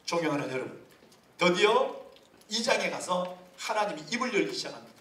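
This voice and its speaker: High, lively Korean pastor preaching. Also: male voice, fairly quick, slight background noise. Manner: lively, humorous, rhetorical questions. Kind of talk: sermon at a leaders' retreat. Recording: echoey hall from far off.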